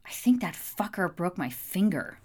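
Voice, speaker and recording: A woman's voice: on the low side, sing-song, moderate pace, slightly rough. A woman voicing a drunk, shaken young waitress in her twenties. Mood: dazed. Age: 20s.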